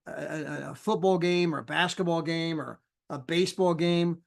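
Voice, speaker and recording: A man's voice: on the high side, fairly even intonation, normal speed, vocal fry. A man giving a chatty sales presentation over a screen share, often tagging his points with "right?" and "you know".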